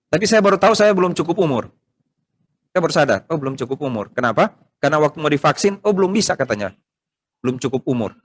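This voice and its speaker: A middle-aged man with an Indonesian accent preaching a sermon to his congregation in a conversational way, full of rhetorical questions. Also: a little high. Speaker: pastor. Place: church service, streamed by video call.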